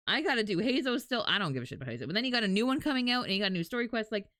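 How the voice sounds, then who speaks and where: Her voice sits on the high side and she races along, with slight background noise, while streaming games. She banters animatedly with viewers, swearing casually and chuckling, as faint game music and character voice lines play.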